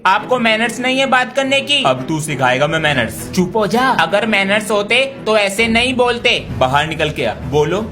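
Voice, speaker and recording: A young man acting out everyday comedy skits with lively, bantering dialogue. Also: high voice, moderate pace, over music. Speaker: comedy skit creator.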